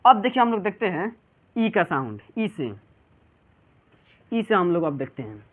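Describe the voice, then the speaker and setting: A male teacher with a Bihari Hindi accent gives a classroom pronunciation lesson in a high, sing-song voice, unhurried, over tinny phone-like audio. He keeps asking his students questions and then answering them himself.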